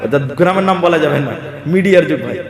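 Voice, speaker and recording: Preacher from Assam, echoing hall. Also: male voice, on the high side, expressive, very fast. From Assam, India. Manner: joking, rhetorical questions to the crowd. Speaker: Islamic preacher. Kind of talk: humorous sermon storytelling. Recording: echoey hall with long reverb.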